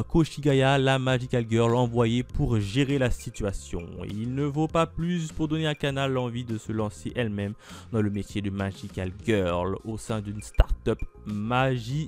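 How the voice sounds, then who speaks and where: A man's voice: medium pitch, darkish tone. Chatty man reviewing manga releases. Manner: chatty, thinks aloud, frequent fillers, reads titles off a list. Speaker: manga YouTuber. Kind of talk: casual spoken review of upcoming releases.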